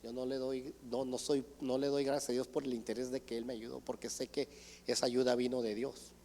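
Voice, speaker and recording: A man's voice: medium pitch, flat delivery, fairly quick, warm tone, a little hiss or hum. Man testifying in a church hall. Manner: earnest, retells conversations with many "dice". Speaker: church brother giving testimony. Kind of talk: sermon testimony.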